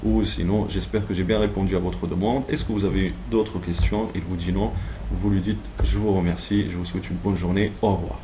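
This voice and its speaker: Against a noisy background, a trainer explains call-centre phone technique one step at a time, stopping to make sure it's understood. He speaks fairly quickly in a low, steady voice, half improvising as he teaches.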